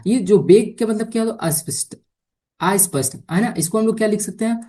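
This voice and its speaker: A woman teaching English vocabulary for exams, explaining patiently in Hindi mixed with English and often asking whether it is clear. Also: mid-range voice, fairly quick, warm tone. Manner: mixes Hindi explanation with English words and sentences. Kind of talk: exam-prep vocabulary lesson.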